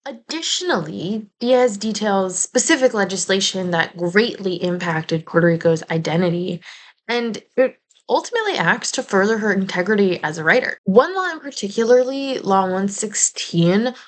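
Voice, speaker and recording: A woman's voice: mid-range voice, expressive, moderate pace. A young woman from New Jersey giving a casual video essay commentary, chatty and prone to playful asides. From New Jersey, United States.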